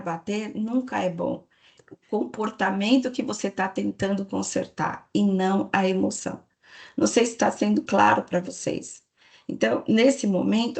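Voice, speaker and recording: A woman lectures a live audience. Her voice has a gravelly, creaky texture at a middle pitch. She explains step by step and often checks whether the listeners follow. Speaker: speaker giving a parenting talk to staff.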